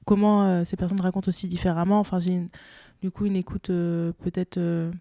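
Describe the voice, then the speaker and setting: Soft-spoken hesitant young woman. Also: fairly low pitch, little pitch movement, fairly quick, no room sound. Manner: hesitant, many fillers and restarts. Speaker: singer-guitarist guest. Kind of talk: casual interview chat.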